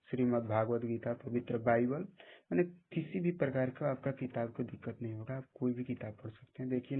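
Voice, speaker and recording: A man with a husky voice giving plain step-by-step instructions in a screen-recorded app tutorial. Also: mid-range voice. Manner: plain step-by-step instructions, often saying "dekhiye". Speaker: tutorial presenter. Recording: tinny phone-like audio.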